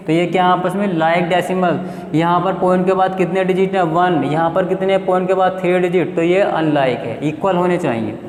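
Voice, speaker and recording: A man's voice: sits high, steady tone, reverberant, big-room sound. A male math teacher, explaining a lesson step by step and asking the class questions that he then answers himself. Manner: reads definitions aloud slowly.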